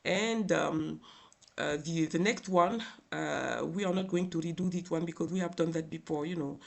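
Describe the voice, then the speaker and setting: A man with a tearful, crying voice giving an informal software tutorial in a halting, hesitant way with many filled pauses. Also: fairly high pitch, creaky. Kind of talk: informal screen tutorial narration.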